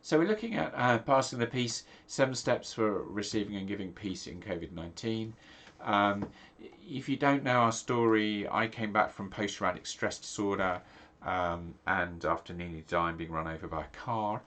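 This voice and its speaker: This is a casual video talk by an English pastor in middle age. His voice sits on the low side, a bit bright, at a moderate pace, and sounds stuffy and nasal as he rambles with frequent fillers and restarts.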